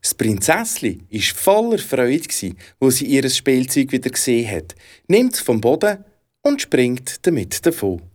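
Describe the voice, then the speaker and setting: Swiss german storyteller reading a fairy tale, super lively voice all over the place. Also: mid-range voice, a little slow. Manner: expressive, animated.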